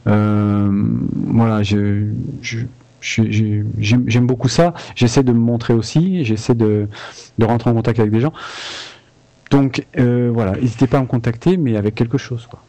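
A man's voice: mid-range voice, moderate pace, dark tone. A man, a video game composer, talking frankly and casually in an interview, with many restarts.

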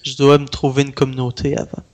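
A man's voice: mid-range voice, completely flat delivery, fast talker. A man with a Québécois French accent, talking casually as an interviewee about his own work. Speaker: interviewee, independent game developer. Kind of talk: casual conversation.

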